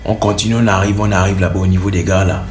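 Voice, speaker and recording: A man telling a comic story in an animated way, repeating words for effect. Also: deep voice, fast talker, echoey room, slight background noise. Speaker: comedian.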